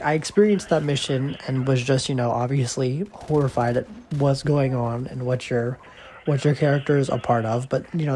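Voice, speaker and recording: A man's voice: mid-range voice, mellow, a little hiss or hum. A man hosting a gaming channel, rambling casually over gameplay footage, his voice nasal from allergies. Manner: chatty, rambling, self-deprecating.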